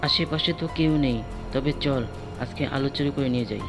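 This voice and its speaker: Man acting a sneaky, creaky-voiced cartoon jackal thief. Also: mid-range voice, a little fast, natural voice. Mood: gleeful. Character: sneaky, scheming jackal husband turned petty thief. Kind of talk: exaggerated cartoon story acting. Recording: music behind the dialogue.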